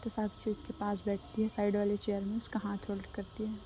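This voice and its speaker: A woman tells a romantic drama in a casual, chatty way, sprinkling English words into her telling. Her voice is mellow and soft-edged, at a middle pitch. A faint hiss of background noise runs beneath. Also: monotone, fairly quick. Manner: conversational, mixing English words into Hindi. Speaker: storyteller. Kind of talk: casual spoken story narration.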